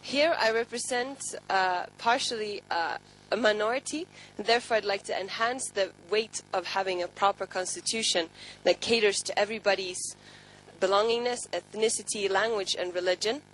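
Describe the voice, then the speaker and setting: Earnest Finnish-accented woman, panel speaker, mid pitch, light background hiss. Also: normal speed, a bit bright, poor audio. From Finland. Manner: earnest, advising. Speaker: youth party international officer. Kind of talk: panel statement.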